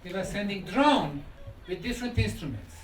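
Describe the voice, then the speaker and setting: Here a man from Bosnia, Bosnian by first language, gives a conference lecture as a researcher, his high voice expressive throughout. He works in brief, purposeful phrases, pausing dramatically and posing rhetorical questions, while the remote mic captures room echo and slight noise.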